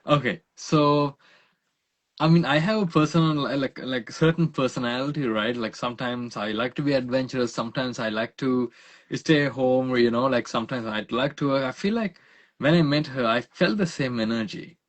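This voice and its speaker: Relaxed young man. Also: mid-range voice, normal speed. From Sri Lanka. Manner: relaxed, rambling, many fillers, laughs. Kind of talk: casual interview conversation.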